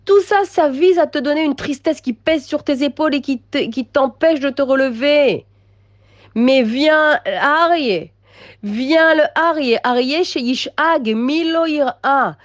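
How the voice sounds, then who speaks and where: A woman's voice: sits high, measured pace, dry recording. Emphatic woman giving religious encouragement. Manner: emphatic, repeats phrases, swings between soft and raised. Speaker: religious teacher addressing women. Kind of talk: inspirational religious talk.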